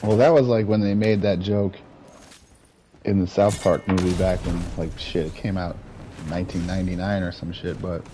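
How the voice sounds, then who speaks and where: A man in casual, profane chat while gaming, rambling through stories with a relaxed delivery. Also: deep voice, moderate pace, noisy background. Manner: laid-back, profane storyteller. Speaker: gamer.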